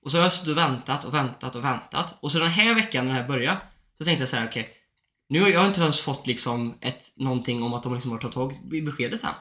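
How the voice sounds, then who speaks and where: A man's voice: medium pitch, sharp tone. A young man chatting casually, telling a story with lots of swearing and acted-out phone calls. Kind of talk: casual chat. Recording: roomy echo.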